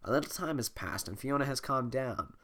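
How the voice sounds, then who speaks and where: A sick reader with a coughing cold working through a script in a casual, offhand way. Frequent amused asides and trailing-off remarks, with a bright tone. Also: mid-range voice, expressive, brisk.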